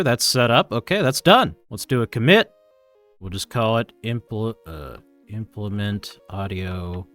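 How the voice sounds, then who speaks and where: With music audible behind him, a man streams himself programming live and muses aloud in a rambling, casual, self-deprecating way. His voice is mid-range and fairly bright in tone.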